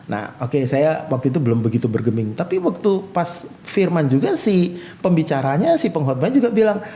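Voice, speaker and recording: A man's voice: on the high side, normal speed, slight background noise. A male pastor, telling his own life story in an interview and acting out the voices of people he quotes. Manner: animated storyteller who acts out quoted voices.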